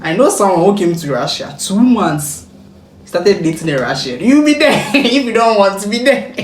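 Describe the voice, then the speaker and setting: A reaction video host from Ghana, chatting casually and explaining clips to viewers in an animated way. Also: mid-range voice, normal speed, faint music behind. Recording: echoey room with faint noise.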